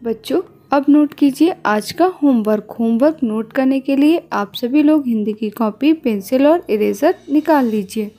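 Slow, sing-song kindergarten teacher woman. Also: sits high, dark tone, soft background music. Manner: slow, drawn-out, sing-song prompting with repeated questions. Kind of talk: recorded online lesson for young children.

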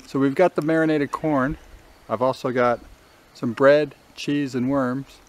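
A middle-aged man talking casually to the camera on a riverbank, in a relaxed, matter-of-fact way with small restarts. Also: mid-range voice, measured pace. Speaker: fishing vlogger. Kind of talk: casual outdoor commentary. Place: riverbank outdoors. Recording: faint outdoor nature ambience.

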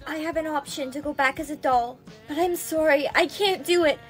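A woman with a high voice performing skit dialogue, very emotive and shifting easily between fear and excitement. Light background music plays faintly behind her. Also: brisk. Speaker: lead in a storytime skit.

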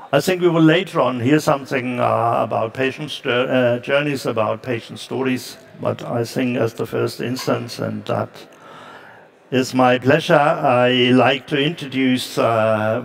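An older man chairing a conference panel on stage, speaking haltingly with many fillers into a headset mic. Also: medium pitch, gravelly. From Germany. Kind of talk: moderating a panel discussion.

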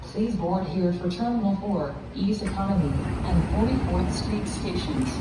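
A woman's calm, measured voice gives an automated train announcement through a loudspeaker. It rings out in a very echoey space from some distance away. Heavy vehicle rumble sits under every word. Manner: calm, even, measured delivery. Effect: automated train announcement over a loudspeaker. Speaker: recorded announcer. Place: inside an airport people-mover train.

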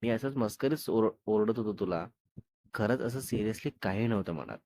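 A man's voice: on the low side, expressive, moderate pace, darkish tone, no room sound, studio quality, voice pushed down. A man voicing a playful young boyfriend. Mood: coaxing teasing. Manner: coaxing.

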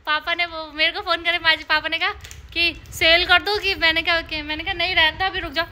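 A woman in her thirties films a casual family vlog, coaxing her little one in a sing-song, babying way. Her voice sits very high and bright. Talk is loose and chatty. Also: flat delivery, a little fast. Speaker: vlogger, mother.

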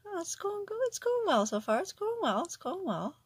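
A woman's voice: very high voice, sing-song, moderate pace. A middle-aged woman chatting casually through a nail art tutorial at home, talking to herself as she works and often dropping into a whisper. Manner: chatty, talks to herself while working, drops into whispers.

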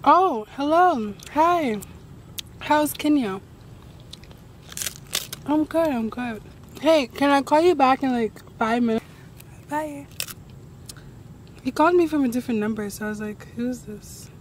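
A tired woman in a rambling, excitable casual vlog to camera, recorded outdoors at night on a handheld phone after a long ride. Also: high voice, a little slow, long pauses, a little hiss or hum. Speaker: travel vlogger.

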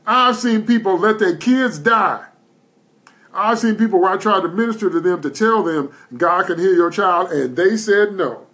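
A man's voice: high voice, moderate pace, a bit bright. A man preaching a live-streamed sermon in an emphatic, repetitive cadence, often checking in with "okay?". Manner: asks "okay?" to check in with listeners. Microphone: live stream setup.

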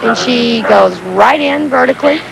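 A woman with a high voice and some vocal fry speaks at a moderate pace, breaking down technique as an expert analyst in live commentary from an outdoor diving stadium. The old 1980s broadcast is very noisy, with a crowd audible behind her.

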